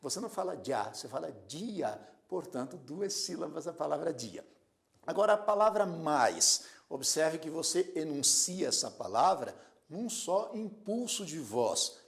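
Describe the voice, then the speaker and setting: In this classroom lecture, a grammar teacher with a gravelly voice and lively pitch takes a deliberate approach, sounding out words syllable by syllable. He slows down and poses rhetorical questions to the learner.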